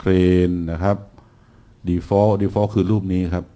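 A middle-aged man giving an engineering seminar lecture, relaxed and full of fillers, with dry jokes for the class. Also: sits low, slow, clear, resonant tone.

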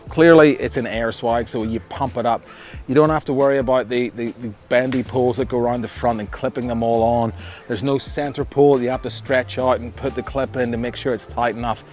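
A man's voice: medium pitch, a little mellow. Enthusiastic Australian man outdoors. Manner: enthusiastic, chatty, restarts often. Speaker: camping gear reviewer. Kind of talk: casual outdoor product review. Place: outdoor campsite among trees.

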